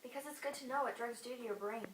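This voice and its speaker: A woman's voice: a little high, fast talker, roomy sound, distant mic, slight background noise. A young woman acting in a scripted school skit as the curious one, eagerly asking questions.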